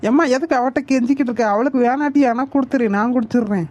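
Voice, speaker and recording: A man's voice: very high voice, very fast, darkish tone. A man voicing a teasing village brother in a cartoon. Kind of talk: cartoon voice acting.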